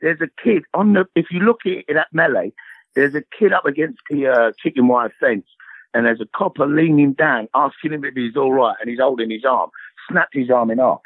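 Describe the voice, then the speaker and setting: A man's voice: medium pitch, fairly quick, no room sound. A middle-aged man, a guest actor telling stories in a slangy, swearing way and laughing at his own tales. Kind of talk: animated storytelling. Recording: slightly dull lo-fi sound.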